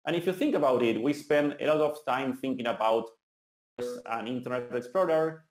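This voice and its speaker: With a darkish tone, medium pitch, and normal speed, an Argentinian man in his thirties gives a conference talk in his Argentinian accent. He is earnest and enthusiastic, with some restarts, and the roomy sound reflects the meetup venue hall he's speaking in.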